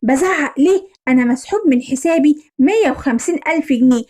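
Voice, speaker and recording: A woman's voice: sits high, expressive, fast. A woman with an Egyptian accent voicing a hot-tempered middle-aged father who scolds his family. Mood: angry. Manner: scolding, shouting in anger.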